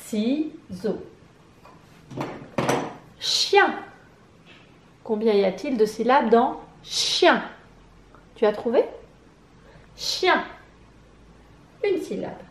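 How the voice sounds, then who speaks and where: A woman with a French accent, teaching syllables to a young child, clapping out each syllable slowly and asking questions. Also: a little high, lively intonation, reverberant. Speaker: preschool teacher. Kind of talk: slow, sing-song phonics lesson for young children.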